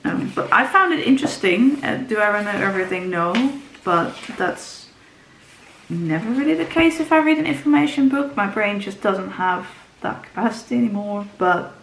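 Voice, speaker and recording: Her mid-range voice is animated, creaky, and a bit bright as this Dutch-native book vlogger chats casually to camera at a moderate pace. She rambles, frequently restarting and saying um. The audio has a roomy echo, faint ambience, and a little hiss or hum.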